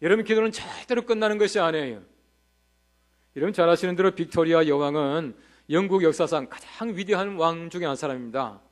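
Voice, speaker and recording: A man's voice: on the high side, fairly quick. A male pastor preaching a revival sermon in a church, telling funny anecdotes and asking the congregation rhetorical questions.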